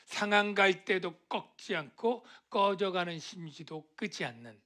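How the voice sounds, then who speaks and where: Male pastor, middle-aged, slightly high and bright timbre, chatty question-asking sermon delivery. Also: animated, a little slow. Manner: conversational preaching, asks the congregation questions, acts out quoted voices. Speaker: senior pastor.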